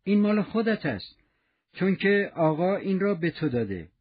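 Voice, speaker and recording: A man's voice: high-pitched, sing-song, husky, dull audio, heavily acted. A man reading as a harsh, spiteful innkeeper's wife. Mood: falsely sweet. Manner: scolding, then sugary forced sweetness.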